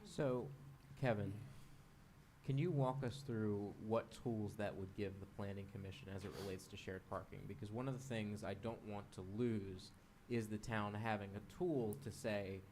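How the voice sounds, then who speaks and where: Man, town commissioner, low voice, measured and articulate, council work session, meeting mic. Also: steady tone, darkish tone, a little hiss or hum.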